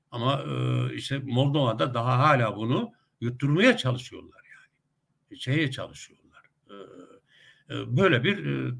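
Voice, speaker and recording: A man's voice: medium pitch, creaky, fairly bright tone. A middle-aged man giving casual spoken commentary with anecdotes, talkative, with many hesitation sounds and emphatic rising outbursts. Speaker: commentator on a web TV channel.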